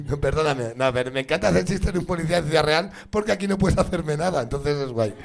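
A man hosting a live comedy game show, teasing his guests with rapid, rambling banter and laughing at his own jokes. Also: on the high side, creaky. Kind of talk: joking live banter with the audience. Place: stage in front of a live audience. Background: audience laughing.

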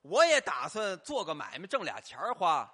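A man's voice: high voice, huge pitch swings, normal speed, sharp tone, breathy edge. A man performing crosstalk comedy on a theater stage, telling a story in an exaggerated, mock-wailing way.

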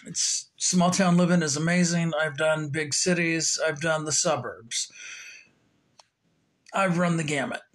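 A man's voice: on the high side, measured pace, fairly bright tone. A man hosting his own podcast, chatting in a loose, rambling way with plenty of fillers. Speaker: podcast host. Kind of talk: casual solo podcast talk.

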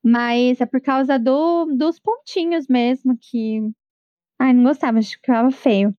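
A woman with a high, bright-pitched voice and a Brazilian Portuguese accent, chatting casually on a podcast. She reacts expressively with lots of exclamations. Her voice comes through a dull, dry, lo-fi microphone. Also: unhurried, dry recording.

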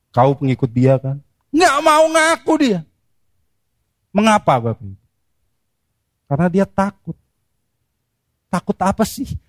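Male preacher, sermon delivery, animated and emphatic, close and dry. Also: sits high, no room sound. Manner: animated, with rhetorical questions and sharp emphasis.

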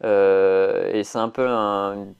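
A man's voice: lowish voice, level tone, takes it slowly, clean tone, phone-quality sound. A man, chatting casually as a podcast co-host, rambling with lots of fillers and restarts. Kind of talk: casual chat.

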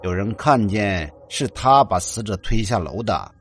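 A man voicing an older police officer in a ghost story, speaking slowly and flatly. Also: on the low side, slight background noise, voice pushed down. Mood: matter-of-fact. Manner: slow, level delivery. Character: old male police officer, calm and curt.

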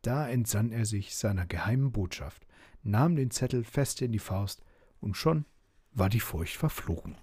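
A man reading a bedtime story aloud with an expressive, gently animated manner. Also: fairly low pitch, measured pace, slightly rough, no echo.

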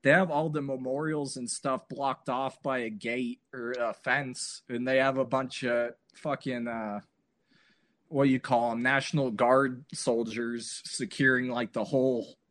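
A man hosting a podcast, talking casually in an animated, ranting way and swearing a lot. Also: medium pitch, a little slow. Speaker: podcast host.

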